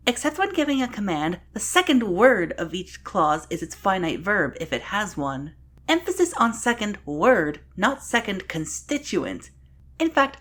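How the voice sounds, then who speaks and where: A woman narrates a scripted showcase in a voice that leaps all over her range. Her delivery is deadpan and sarcastic, and it breaks now and then into mock-dramatic outbursts. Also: medium pitch.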